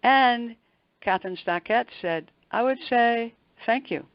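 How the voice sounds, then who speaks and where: In a dry recording with the highs removed, an older woman talks a little slowly in a higher-than-average voice. She is an interview guest, a motivational speaker and executive coach, answering conversationally with emphatic, repetitive phrasing for stress.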